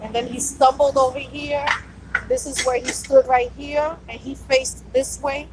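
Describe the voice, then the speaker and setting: A woman's voice: high-pitched, level tone, measured pace, background noise. A woman vlogging outdoors on a city street, speaking earnestly and pleading, repeating herself for emphasis. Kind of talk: on-location vlog address.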